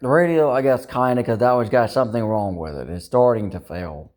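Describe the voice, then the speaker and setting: In a brisk, darkish mid-range voice, a man rambles confessionally to camera. The personal vlogger sounds upset and dejected, swearing a lot as he vents self-critical frustration.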